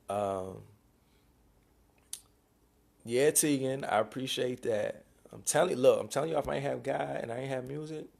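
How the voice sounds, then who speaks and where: A man's voice: mid-range voice, vocal fry, a little mellow. A man reading viewer questions and answering them on a live stream, speaking in a laid-back, slangy way. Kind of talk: casual live-stream chat.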